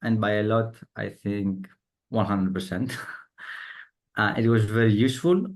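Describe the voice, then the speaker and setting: A man's voice: fairly low pitch, steady tone, measured pace. A young man from the Balkans with a Balkan accent, a student ambassador, giving a hesitant testimony over a video call. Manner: hesitant, many fillers, laughs at himself.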